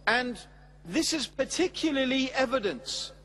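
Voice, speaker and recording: A middle-aged man giving a measured, emphatic religious lecture at a stand mic on a large studio stage before an audience. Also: extremely high pitch, long reverb tail. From England. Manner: measured, emphatic, with expressive hand gestures. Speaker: Islamic preacher. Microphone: stand mic at a lectern.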